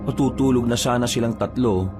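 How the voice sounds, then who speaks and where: A man reading a folk horror tale aloud as a storyteller, in a measured, storytelling way. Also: medium pitch. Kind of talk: scripted horror story narration. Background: background music.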